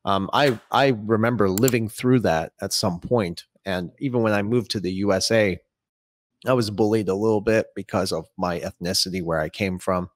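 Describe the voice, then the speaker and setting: A Saudi man in his thirties, with a lowish voice at normal speed, hosts an interview over a video call, posing long, opinionated questions. He's indoors in a small room at home, and the recording is dry.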